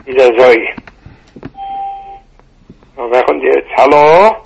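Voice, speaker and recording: A man teaching a Torah class, halting and repeating words, mixing Hebrew into with a tinge, over a muffled phone line. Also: mid-range voice, gravelly, a little mellow, husky.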